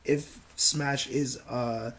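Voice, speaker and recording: A man's voice: mid-range voice, steady tone, extremely slow, fairly bright tone. A man co-hosting a casual podcast, rambling with lots of filler words. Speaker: podcast co-host. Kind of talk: casual gaming chat.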